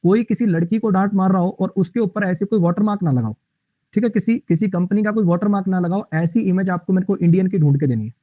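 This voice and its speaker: A man's voice: sits high, fast, mellow, no echo, highs cut off. A male teacher explaining English vocabulary in Hindi in an online class, repeating himself and chatting with viewers.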